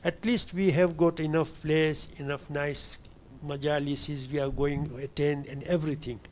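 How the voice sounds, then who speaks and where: An older man from Tanzania, an audience member asking a question, speaking hesitantly and often pausing to search for words. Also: on the high side, little pitch movement, a little mellow. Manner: hesitant, fills pauses with "you know".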